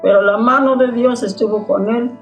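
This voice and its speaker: A woman's voice: on the high side, steady tone, moderate pace, dull audio, faint music behind. An older woman with a Mexican Spanish accent, telling her story in a plain way and often calling her listeners brother. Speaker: church member giving testimony. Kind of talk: spoken testimony.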